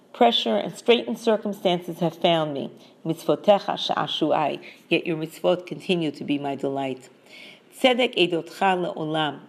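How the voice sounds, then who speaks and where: Woman teaching verse by verse, kinda low and gravelly, slow careful reading. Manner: reads verse in Hebrew, then explains in English. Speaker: Torah teacher. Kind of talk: measured scriptural lesson.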